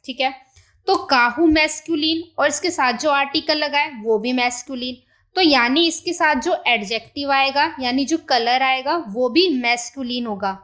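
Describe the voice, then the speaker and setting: A woman teacher giving a beginner language lesson, saying each new word slowly and repeating it for learners to echo. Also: high voice, a bit bright.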